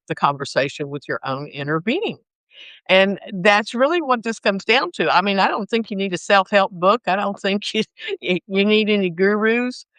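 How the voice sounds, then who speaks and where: An older woman co-hosting a casual talk over a computer call, chatty and upbeat and quick to laugh. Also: fairly low pitch, fairly bright tone, no room sound, rough recording. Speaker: podcast co-host. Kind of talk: casual conversation.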